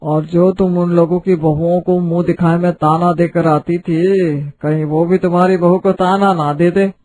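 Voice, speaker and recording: A woman's voice: lowish voice, level tone, moderate pace, mellow, lightly acted. Cartoon husband, middle-aged and dryly needling, done by a woman.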